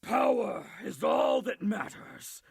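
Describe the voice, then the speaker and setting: A man voicing a gloating, power-hungry demonic tyrant in a video game, with a gravelly, raspy voice and theatrical, menacing delivery. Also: high voice, very animated, slow, no room sound, clean studio sound, heavily acted. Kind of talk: video game villain acting.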